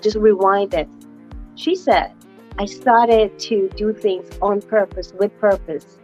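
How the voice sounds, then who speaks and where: A woman's voice: medium pitch, a little mellow, dull audio. A woman hosting a casual interview, encouraging and chatty, often saying "you know". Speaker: host.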